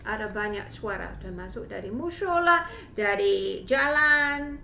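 A middle-aged woman from Australia speaking as a foreigner with an Australian accent, halting as she searches for words in a casual family interview. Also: mid-range voice, expressive, creaky, bright, forceful tone. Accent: foreign, Australian-accented Indonesian. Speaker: interviewee, mother of the host. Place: small home room indoors, camera mic a few metres away. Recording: echoey room with background noise.

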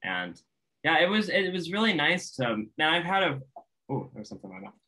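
A man with a bright, forward voice talks as an interview guest. He speaks softly and reflectively, laughing often between his thoughts. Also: fairly high pitch, very animated, fairly quick, breathy edge, poor audio. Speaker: guest, singer and YouTuber. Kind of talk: casual interview chat.

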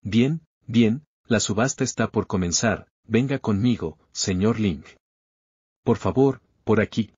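A man voicing a fawning old merchant who flatters and giggles slyly. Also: on the low side, a little slow, breathy edge, no room sound. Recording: slightly dull lo-fi recording.

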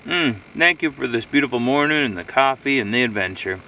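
Middle-aged man, easygoing outdoor vlogger, chatty and meandering; bright tone, camera mic set back outdoors. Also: mid-range voice, animated, brisk, distant mic, a little hiss or hum. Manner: rambling, easygoing, talking to himself while eating. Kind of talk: casual solo vlog. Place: outdoors on a frozen lakeshore in winter. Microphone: camera on a tripod a few metres away.

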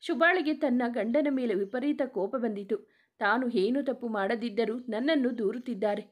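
A woman reading a dramatic family story aloud in a steady narrating voice. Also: on the high side, normal speed.

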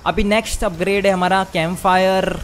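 A young man giving excitable gameplay commentary as a streamer, repeating words rapidly and mixing English into Hindi. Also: high-pitched, slight background noise. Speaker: gaming streamer.

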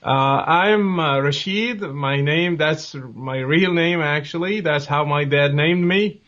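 A Moroccan man in his forties answers interview questions as a guest over a webcam video call from his home office, friendly but hesitant and full of fillers. His voice is on the high side, slow and a bit bright, and the video call audio is dull and lo-fi.

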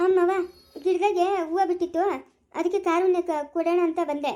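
A woman's voice: very high-pitched, fairly even intonation, fairly quick, mellow. A woman voicing a sweet, tearful little village girl in a cartoon, childlike and pleading. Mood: eager. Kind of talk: cartoon voice acting.

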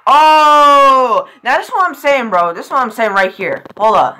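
A woman hosting a casual reaction video, excitable and slangy with plenty of swearing. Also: fairly high pitch, fast. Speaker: reaction channel host.

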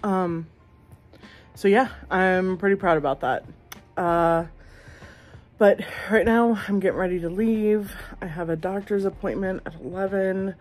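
A woman around her thirties talking in a casual, halting, informal way, as a vlogger. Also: mid-range voice, darkish tone. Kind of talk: casual vlog chat.

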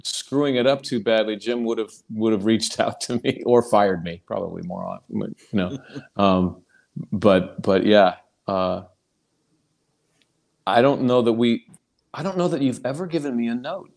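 A man with a fairly low voice talks thoughtfully as a livestream guest. He searches for his words and stumbles through small restarts as he goes. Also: moderate pace, vocal fry, a little mellow. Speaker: audiobook narrator and actor. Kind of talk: casual livestream chat.

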